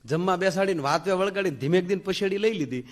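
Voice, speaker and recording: A man's voice: high voice, fast talker. A man telling a comic folk story, acting out the village characters. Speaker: folk comedian.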